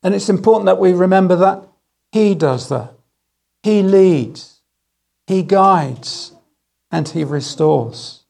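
A middle-aged man preaching a sermon, telling stories with gentle humour and slowing down on key phrases. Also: sits high, lively intonation, creaky. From England. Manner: storytelling with gentle humour, slow emphatic phrases. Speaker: guest speaker.

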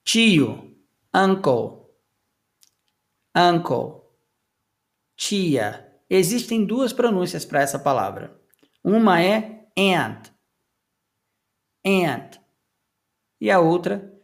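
A man teaching English vocabulary, reading each word and repeating it slowly for learners. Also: sits high. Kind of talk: vocabulary lesson with slow repetition.

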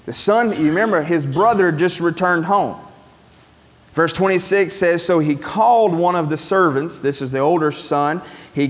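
A man's voice: on the high side, in a large hall. A man preaching a Sunday sermon to a congregation gathered in a cafeteria, speaking earnestly and conversationally, with occasional fillers. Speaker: pastor. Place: cafeteria used for church.

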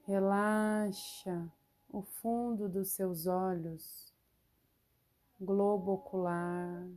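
Female relaxation guide: soothing, dark-toned delivery at an extremely slow pace, spacious pauses between instructions. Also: mid-range voice, steady tone. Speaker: meditation guide.

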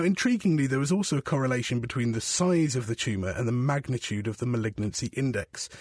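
A British man presenting a scripted science show as host, with a bright, curious manner. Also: medium pitch, husky, dry recording.

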